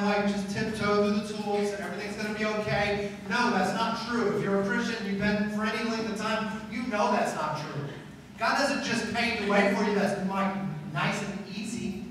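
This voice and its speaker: The high voice of a middle-aged pastor carries through an echoey school auditorium as he preaches a chapel sermon to students, speaking conversationally and repeating phrases for emphasis. He's recorded from far off by a camera in the hall, with background noise.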